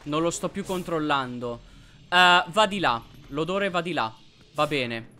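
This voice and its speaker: A man hosting a let's play, commenting on gameplay and yelping excitedly at enemies. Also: on the high side, measured pace. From Italy. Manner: excitable, yelps and shouts at enemies.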